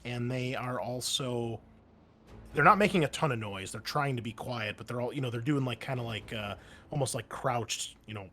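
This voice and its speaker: A man with a mid-range, slightly bright voice speaks at normal speed as game master for a tabletop roleplaying game. He narrates and referees in a relaxed, conversational manner.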